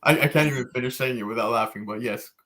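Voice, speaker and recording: A man's voice: medium pitch, quick pace, sharp tone. A man hosting a casual comics podcast, talking enthusiastically about covers with lots of fillers. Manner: laid-back, enthusiastic, frequent fillers. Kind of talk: casual chat.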